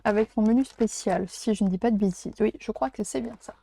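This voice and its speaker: A woman's voice: medium pitch, a little fast, warm tone, no echo. A woman hosting a casual toy unboxing, talking chattily with frequent hesitations. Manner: chatty, hesitant with many fillers, laughs at herself. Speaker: unboxing vlogger.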